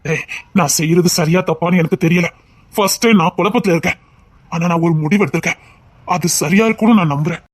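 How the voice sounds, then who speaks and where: A guilt-ridden middle-aged ruler in a dramatic audio story, as a male storyteller voices him. He speaks low, troubled and pleading, with a fairly high voice. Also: fast, slight background noise, natural voice.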